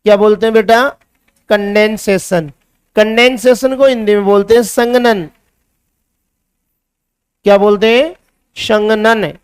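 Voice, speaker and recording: High-voiced Hindi male chemistry teacher. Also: fairly even intonation, normal speed, pauses often, clean tone, no echo, clean studio sound. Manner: asks students questions and answers himself; mixes English science terms with Hindi. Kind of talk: classroom lecture.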